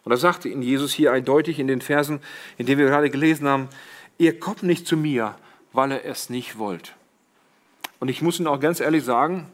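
A man's voice: mid-range voice, brisk. A middle-aged man preaching a sermon, addressing the congregation as siblings and quoting Jesus with rising emphasis.

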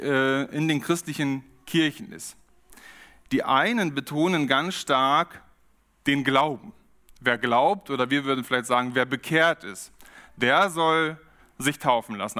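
A man preaching a sermon, reflective and steady, often posing questions to his congregation. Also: on the high side. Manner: reflective, poses rhetorical questions.

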